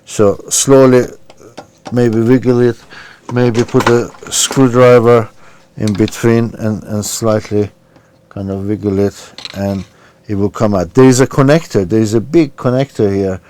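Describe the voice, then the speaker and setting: A man demonstrates a repair step by step in an informal, unscripted way, hesitating as he talks and works with his hands. His voice is fairly low, steady and a little mellow, at a measured pace. Handling clicks and clear background noise are audible.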